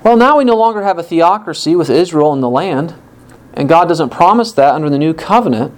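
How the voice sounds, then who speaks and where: A man's voice: on the high side, expressive, a little fast. A man preaching a sermon with earnest emphasis, from the United States, lifting his voice on the quoted words. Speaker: pastor.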